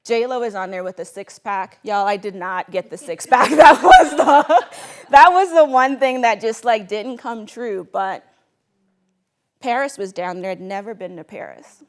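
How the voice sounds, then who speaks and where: A young adult woman from the Bahamas, telling a personal story in a lively, chatty way, often laughing and acting out what people said. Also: on the high side, unhurried. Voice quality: animated, laughs often, quotes people in voices.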